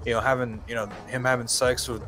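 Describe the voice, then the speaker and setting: A man's voice: medium pitch, level tone, fast talker, pushed and bright. A young man co-hosting a casual podcast, rambling with many fillers and some swearing. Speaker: podcast co-host.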